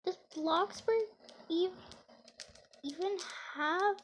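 A woman's voice: very high-pitched, drawn-out words, a little hiss or hum. A young female gamer chatting casually while she plays a roleplay game, talking through each thing she does. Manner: chatty, narrates her own actions. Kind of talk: casual gameplay commentary.

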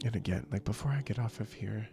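A young man who streams games, chatting softly and slowly with viewers in a soft-spoken ASMR style into a close mic. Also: lowish voice. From northern region. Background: soft relaxing music.

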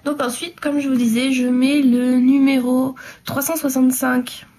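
A woman's voice: high-pitched, level tone, measured pace, warm tone, a little hiss or hum. A young woman with a stuffy nose, chatting casually through a nail tutorial at home and dropping to murmurs as she works. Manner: chatty, hesitant, drops to a murmur while working. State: congested, talking through her nose. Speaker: beauty vlogger.

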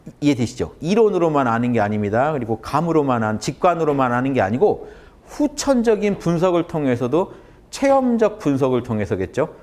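A man's voice: medium pitch, a little fast. A man lecturing on Buddhist teachings to an audience, often stopping to ask them questions. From Korea. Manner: animated, asks the audience questions.

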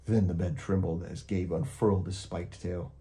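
A man reading a children's story aloud as an expressive narrator. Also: sits low, normal speed. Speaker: storyteller, host.

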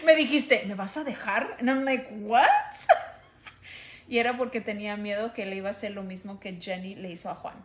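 A woman's voice: medium pitch, animated, moderate pace, fairly bright tone. A woman in her thirties chatting casually on a livestream from a couch at home, switching between Spanish and English, filmed on a phone held at arm's length. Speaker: livestream host. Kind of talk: casual bilingual chat.

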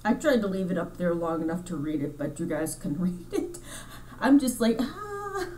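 A woman's voice: fairly low pitch, expressive, fairly quick, darkish tone, distant mic, a little hiss or hum, poor audio. A woman hosting her crochet channel in a chatty, rambling way, correcting herself as she goes, a bit congested from sinus trouble. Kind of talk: casual chat over store footage.

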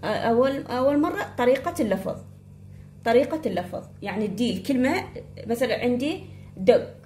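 A woman with an Iraqi Arabic accent teaching English letters to pupils, speaking slowly and repeating herself while she writes. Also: a little high, animated, darkish tone. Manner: slow, repeating, addresses pupils directly. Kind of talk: spoken blackboard lesson. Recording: echoey room with faint hum.

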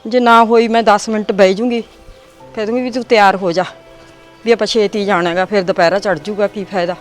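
A woman's voice: medium pitch, steady tone, fairly quick, faint music behind, close to an everyday voice. A woman playing a stubborn older village mother, insistent and complaining. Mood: fretting. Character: stubborn old village mother set on visiting. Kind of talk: village short film acting.

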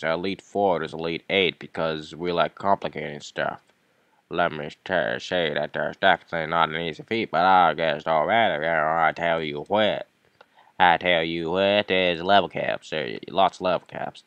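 A man's voice: rumbling low, gravelly, a bit bright, clean tone, no room sound, lo-fi sound. A man giving playful, rambling game commentary with mumbled asides. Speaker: let's play gamer.

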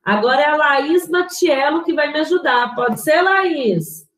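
A primary school teacher with a Brazilian Portuguese accent patiently teaches young children in an online class, spelling words out syllable by syllable and asking the class questions. Her high, fairly bright voice is expressive and a little slow. It comes through a video call from a computer, and the audio is poor.

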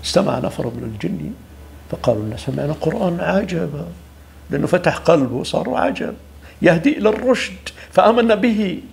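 Gravelly animated male preacher. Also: fairly high pitch, brisk. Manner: animated, preachy, acts out quoted voices. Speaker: religious speaker. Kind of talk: informal religious talk.

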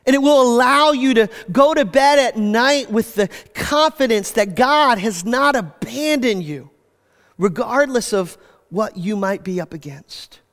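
In a hall full of echo, a slow-speaking male pastor preaches from a church stage fitted with screens. His delivery is lively and full of gestures, and each phrase settles into a low register as it ends.

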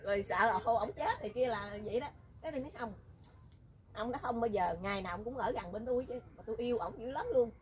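A woman's voice: a little high, fast talker. A woman telling a story in casual chat, teasing and talkative. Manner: chatty, teasing, rural colloquial speech.

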